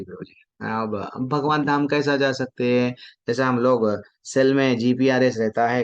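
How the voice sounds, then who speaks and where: A man preaching from a devotional text. He asks questions, answers them himself, and chants verses slowly. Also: mid-range voice. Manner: mixes Hindi with English words. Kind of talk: devotional scripture talk. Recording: dull lo-fi sound.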